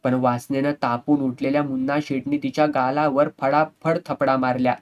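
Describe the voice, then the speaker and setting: A man reading a novel aloud in steady, dramatic audiobook narration. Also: mid-range voice, moderate pace.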